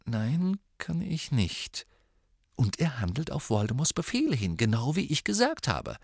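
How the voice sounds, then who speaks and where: A man's voice: mid-range voice, huge pitch swings, unhurried, creaky, slightly rough, dry recording, clean studio sound, pitched above the performer's own voice, exaggerated voice. A man voicing a clever, earnest teenage witch girl in an audiobook, speaking in a probing way. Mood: insistent.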